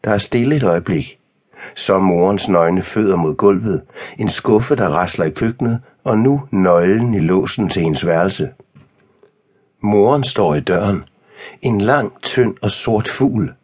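Man, audiobook narration, very low voice, husky tone, measured and calm.

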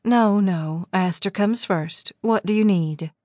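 A woman's voice: mid-range voice, takes it slowly, darkish tone, no echo. A woman voicing a woman in her late thirties in an audiobook, answering in short, restrained phrases. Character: woman of 38, startled, dutiful fiancée. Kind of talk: audiobook character voice. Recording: dry close studio sound.

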